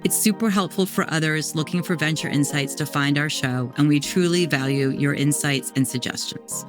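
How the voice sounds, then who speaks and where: A woman's voice: low-pitched, moderate pace, music in the background. A woman podcast host asking interview questions and reading the show's outro with enthusiasm.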